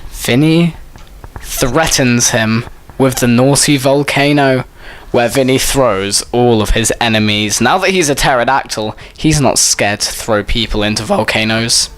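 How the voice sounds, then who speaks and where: A man narrates an improvised story at a patient, unhurried pace. His voice sits in a middle pitch range. A faint background hiss sits under the recording. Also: a bit bright. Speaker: storyteller playing with a child. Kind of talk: improvised bedtime-style storytelling.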